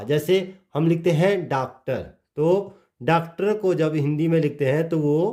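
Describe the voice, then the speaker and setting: In this slow, spelled-out phonics lesson, a man with a mellow voice on the high side teaches English pronunciation. He spells words one letter at a time, and his voice falls as each phrase ends.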